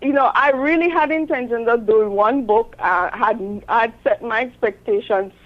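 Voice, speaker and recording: A woman's voice: fairly high pitch, moderate pace, highs cut off. A woman talking conversationally as an interview guest about her own work. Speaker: interview guest, self-published author.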